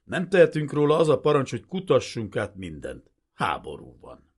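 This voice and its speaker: A husky-voiced man reading an audiobook, voicing a commanding German army sergeant in a raised, barking voice. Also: on the high side, sing-song, voice pushed up. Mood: apologetic. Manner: barked, commanding, turns almost apologetic. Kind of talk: audiobook character voice.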